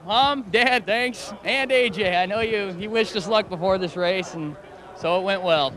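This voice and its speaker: A man who just won a race, worn out after a double stint, giving excited, rambling thanks in an outdoor victory lane interview. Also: high voice, a little slow. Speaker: winning race driver. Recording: loud crowd behind the voice. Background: crowd noise.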